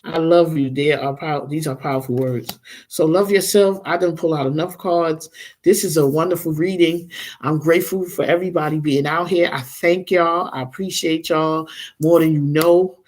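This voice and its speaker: A woman's voice: low voice, steady tone, moderate pace, a little mellow. Chatty tarot reader woman in her forties. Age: 40s. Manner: chatty, rambling, speaks directly to viewers. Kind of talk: casual livestream tarot chat.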